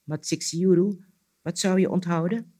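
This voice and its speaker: A man voicing a sly, boastful male spider trickster in a spoken folk tale, scheming and quick to anger. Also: steady tone, mellow. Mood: wheedling. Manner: scheming, then shrill and furious.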